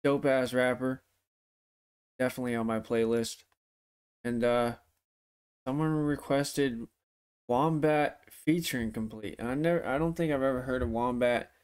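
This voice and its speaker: Young adult man, clear mid-pitched voice, speech affected by swollen mouth and toothache, casual reaction commentary, slangy swearing. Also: steady tone, moderate pace, long pauses, darkish tone. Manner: slangy, profane. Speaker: music reaction host. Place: living room at home.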